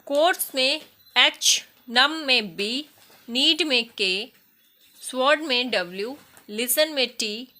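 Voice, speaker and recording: Lady english teacher, slow careful lesson, reads sentences out loud, spells stuff letter by letter, bright voice. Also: on the high side. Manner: explains in Hindi, reads English sentences slowly and loudly; spells words letter by letter, addresses students as beta. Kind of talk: recorded classroom lesson.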